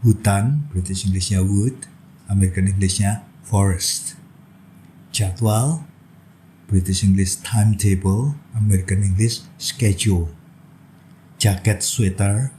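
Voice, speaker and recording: A man teaching a vocabulary lesson, reading out word pairs one after another in a slow, steady, patient way. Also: low voice, slight background noise, poor audio. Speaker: English teacher.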